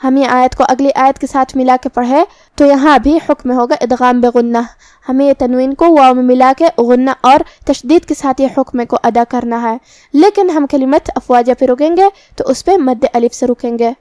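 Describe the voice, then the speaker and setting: A woman gives a tajweed lesson, explaining each pronunciation rule slowly and methodically. Her voice sits high and rings smooth and clear. The recording is dry, with no room sound. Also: steady tone, darkish tone, no echo. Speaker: Quran recitation teacher. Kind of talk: tajweed lesson with slow recitation.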